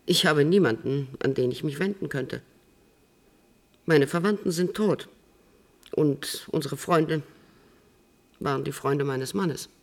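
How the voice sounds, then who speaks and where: An actress playing a composed, middle-aged woman held in custody, speaking in a measured, precise way in a radio drama. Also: sits low, exaggerated voice. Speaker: prisoner on remand giving an interview.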